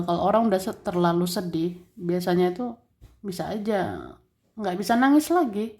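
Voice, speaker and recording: A tarot reader with a mid-range female voice gives a general reading directly to the listener. She's relaxed and chatty, with plenty of fillers and soft laughs.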